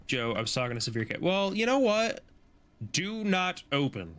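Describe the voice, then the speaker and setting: A man's voice: high-pitched, sing-song, moderate pace, fairly bright tone. A man streaming a game, chatting casually, rambling and joking with the odd swear. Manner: rambling, jokey, swears, laughs. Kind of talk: casual gameplay commentary.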